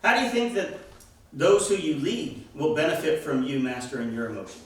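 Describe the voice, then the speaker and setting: A man leads a Bible lesson in an emphatic way, putting questions to the class. His voice sits a little high. It rings through a very echoey room, picked up from some distance. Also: very animated, a little fast. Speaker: church teacher.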